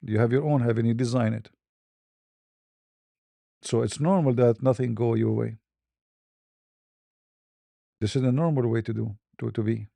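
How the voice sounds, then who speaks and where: A man's voice: medium pitch, fairly even intonation, normal speed, vocal fry, long pauses, warm tone, dry recording. A man giving a casual, conversational monologue in plain non-native English, often repeating and restarting his words. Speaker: online religious debater. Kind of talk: casual monologue answering questions.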